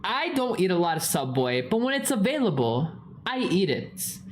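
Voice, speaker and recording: A woman's voice: fairly low pitch, sing-song, normal speed. A young woman casually telling a long, rambling story. She swears often and repeats her phrases.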